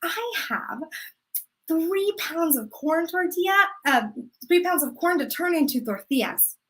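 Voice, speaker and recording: A wily, sprightly grandmother from a trickster tale, acted out by a woman storyteller. The voice is high and bright, with an unhurried pace. The manner is coaxing, full of exclamations and stalling repetitions. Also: animated, heavily acted, rough recording. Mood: coy stalling.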